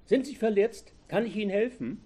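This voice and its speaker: A man's voice: high voice, normal speed, warm tone, breathy edge, voice pushed up. A man reading a story aloud, voicing a frightened young woman who speaks in a raised, urgent voice. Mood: anxious.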